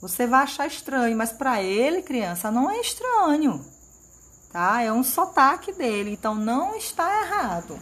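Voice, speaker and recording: A woman's voice: high-pitched, very animated, normal speed, fairly bright tone. A woman teacher from Maranhão with a northeastern Brazilian accent, giving a lesson to children and checking in often to see that they follow. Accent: Maranhão Brazilian Portuguese.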